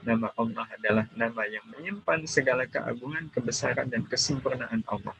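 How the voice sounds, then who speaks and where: A man's voice: medium pitch, a little fast, creaky, a bit bright, slightly rough. A middle-aged Indonesian man giving an online religious seminar to mothers, conversational, asking questions and answering them himself. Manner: acts out a scolding parent in quoted lines. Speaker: Islamic preacher. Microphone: video call. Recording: dull video call audio with faint noise.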